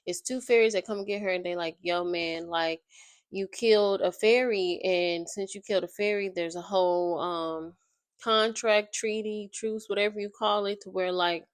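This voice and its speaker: While playing a game, a young woman YouTuber casually sums up a book, rambling loosely and often hunting for words. Her voice is medium-pitched and steady at a normal pace, a bit nasal and congested. The studio sound is clean with no echo.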